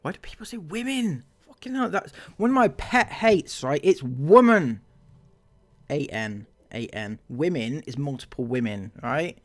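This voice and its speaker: Reading viewer comments on his commentary channel, a man with a fairly high, animated voice mocks them with heavy sarcasm. He laughs a lot and stretches out his words.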